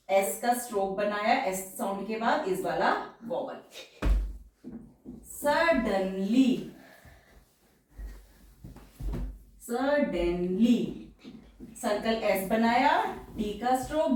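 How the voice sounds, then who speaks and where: A woman shorthand teacher, explaining slowly and repeating each example word several times. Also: a little high, darkish tone, a little hiss or hum. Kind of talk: explanatory lesson. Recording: very echoey room, voice far from the mic.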